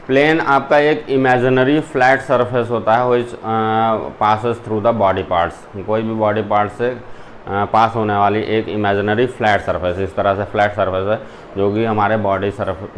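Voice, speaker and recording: A man's voice: lowish voice, a little hiss or hum. A male zoology teacher giving a classroom lecture, explaining step by step and mixing in English terms.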